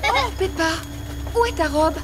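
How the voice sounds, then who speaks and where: A woman voicing a kindly, calm mother pig in a preschool cartoon, motherly and reassuring. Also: extremely high pitch, a little slow, low-quality recording. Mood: concerned.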